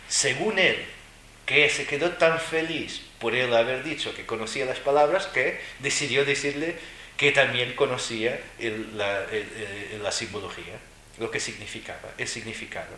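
Animated male Buddhist teacher, bright voice. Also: medium pitch, normal speed, slight background noise. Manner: animated storyteller who keeps checking in with listeners. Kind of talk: dharma talk. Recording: roomy echo.

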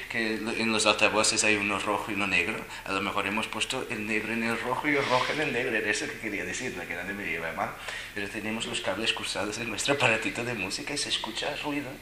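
A man leads an informal class in a rather low voice, joking with his students and often sinking to a soft hush. The room is echoey, with steady background noise. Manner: chatty, jokey, often dropping to a soft hush. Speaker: teacher of an emotions class.

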